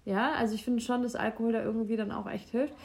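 A woman's voice: on the high side, fairly even intonation, quick pace, a little mellow. Young woman, casual podcast chat, candid, acts out quotes.

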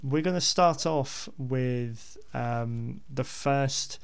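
A man's voice: medium pitch, extremely slow, vocal fry, smooth. A man hosting a podcast, talking casually and unscripted in a hesitant, rambling way with repeated words. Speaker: podcast host.

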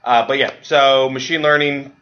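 A hungover man co-hosting a podcast, explaining things informally in a halting, hedging way full of fillers. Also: mid-range voice, steady tone, pushed and bright. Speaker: podcast co-host and editor. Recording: dull lo-fi audio.

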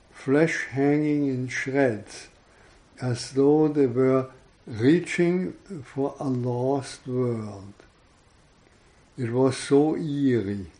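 A man reads a literary story aloud at a very slow, measured pace. His voice is mellow and dark, and his delivery stays solemn and even throughout. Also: mid-range voice, rough recording. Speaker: podcast reader. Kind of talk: reading literary fiction aloud.

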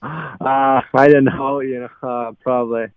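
A young man from the Czech Republic with a Czech accent, a guest on a call-in radio interview, answering in halting English full of fillers. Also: medium pitch, fairly even intonation, clear, resonant tone, no echo. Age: young adult. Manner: halting, filler-heavy non-native English. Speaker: guest athlete. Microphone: phone. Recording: dry tinny phone line.

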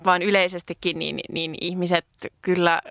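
Animated woman chatting on a dry mic. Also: on the low side, dry recording. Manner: thoughtful, lively, with fillers. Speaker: podcast co-host. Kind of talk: casual podcast conversation.

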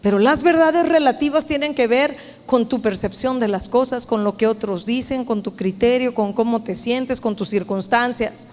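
Woman preacher, high voice, emphatic sermon, long hall echo. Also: normal speed, few pauses, darkish tone. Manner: earnest, emphatic, addresses listeners directly. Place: church meeting hall.

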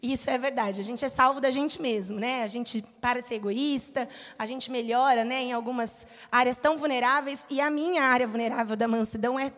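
A woman's voice: a little high, steady tone, brisk, fairly bright tone. A woman in her thirties with a Brazilian Portuguese accent, preaching a conversational sermon and telling personal stories, acting out the lines of the people in them. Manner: conversational, storytelling with acted-out quotes. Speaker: church speaker. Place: church. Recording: long hall reverb.

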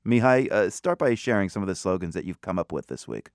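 Low-voiced male radio news host. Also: very animated, quick pace, dry recording, studio quality. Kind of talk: news presenting and interviewing.

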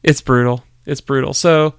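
A man co-hosting a sports podcast in casual chat, wry and quick to laugh. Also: mid-range voice, steady tone, creaky, clear, resonant tone, no room sound, studio quality. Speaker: podcast co-host.

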